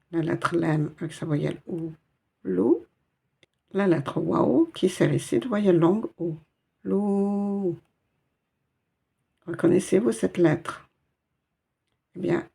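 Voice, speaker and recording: A woman's voice: on the low side, gravelly, mellow, slightly rough. A woman teaching a step-by-step Arabic reading lesson in French, patient and explaining each letter and sound.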